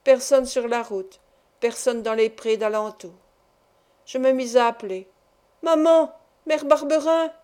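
Mellow-voiced woman narrating a classic novel. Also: a little high, measured pace, clean tone. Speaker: audiobook narrator. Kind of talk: literary audiobook narration.

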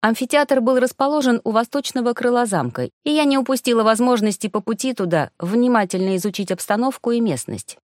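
A woman's voice: fairly high pitch, fairly quick, hardly any pauses, darkish tone, dry recording. Woman narrating an audiobook, dry sound. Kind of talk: scripted narration. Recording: dry close studio sound.

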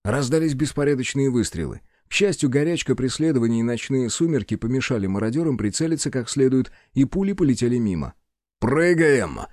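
A man narrating an action story in a measured, dramatic reading. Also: medium pitch, lively intonation, dark tone, no room sound, clean studio sound. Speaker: audiobook narrator. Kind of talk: scripted narration.

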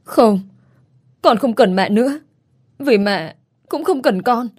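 A woman's voice: on the high side, lively intonation, slow pace, a little mellow, pitched above the performer's own voice. A woman voicing a frightened little girl who sounds hurt and pleading. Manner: pleading and plaintive.

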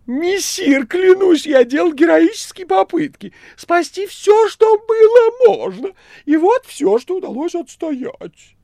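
Хвастливый толстый кот-демон тараторит пронзительно и театрально, будто задыхаясь. Голос с хрипотцой, звук сухой, без эха. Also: male voice, takes it slowly, gravelly, no room sound, clean studio sound, heavily acted. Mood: excited. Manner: shrill, breathless, theatrical excitement. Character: boastful fat demon cat-man, excitable. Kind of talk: audiobook reading.

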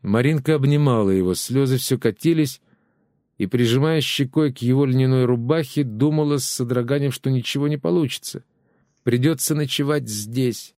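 A man reading an audiobook in calm, measured scripted narration. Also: mid-range voice, dry recording, clean studio sound.

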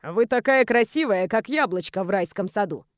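A woman doing a sneering bully student, lowered voice. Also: animated, normal speed, dry recording, clean studio sound, lightly acted. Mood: sneering threatening. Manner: sneering, lewd and taunting. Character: arrogant blond male student, crude blackmailing bully.

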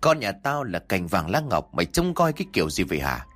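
Guy doing nasty rich wives yelling at a maid, fast and shrill, faint music under it. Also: wildly swooping pitch, heavily acted. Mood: scolding. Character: cruel scolding wives of a rich landlord, female.

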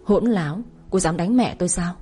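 A violent young husband, harsh and threatening, as a woman narrator voices him in a low, dark, slightly husky tone. Soft music plays faintly underneath. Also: normal speed. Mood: angry.

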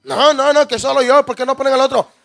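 A man's voice: extremely high pitch, fairly even intonation, fast talker, gravelly, bright, forceful tone, faint music behind, heavily acted. A man voicing a stubborn young boy who protests in a whiny way during a sermon.

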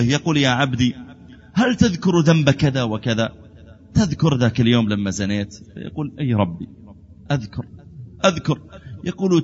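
A man preaching a sermon, telling stories with passion, rising loud for emphasis and dropping soft and low for solemn words. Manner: impassioned storytelling, soft and low for divine words. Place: outdoor gathering on the day of Arafat. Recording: dull recording with long echo.

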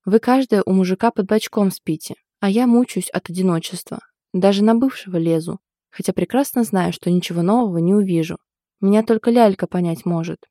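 Brief: a caustic, loud young woman with a mocking bite, read by a woman narrator, dark timbre. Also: mid-range voice, fairly quick, dry recording, clean studio sound, lightly acted. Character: sharp-tongued sarcastic young woman.

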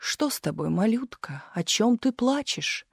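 A woman voicing a male revolutionary leader in a stage play, speaking in a slow, grandiloquent way. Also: medium pitch, darkish tone, dry recording, studio quality, natural voice. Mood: theatrical. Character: revolutionary leader on stage, man, gentle, pompous. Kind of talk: audiobook character voice.

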